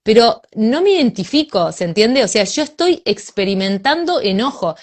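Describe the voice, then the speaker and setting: A woman with a Rioplatense Spanish accent in a casual spiritual conversation, animated and acting out inner voices with sighs. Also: fairly high pitch, moderate pace.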